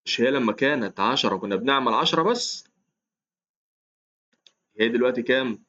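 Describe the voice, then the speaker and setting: A man's voice: mid-range voice, animated, brisk, pushed and bright, lo-fi sound. A man with an Egyptian accent teaching a math lesson in a chatty, coaxing way, counting aloud as he works. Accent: Egyptian Arabic. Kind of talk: casual explained lesson.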